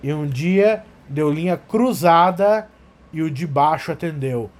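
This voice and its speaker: A man tells a story in a loose, comedic way, swearing freely and jumping into the characters' lines. His voice sits high for a man. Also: unhurried. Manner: animated, profane, acts out scenes. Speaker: podcast talker.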